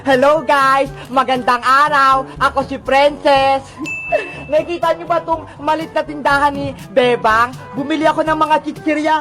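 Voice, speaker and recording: A woman voicing a cheerful, friendly little girl who chatters excitedly, in a comic skit. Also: high voice, moderate pace, faint music behind. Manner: chirpy, excited.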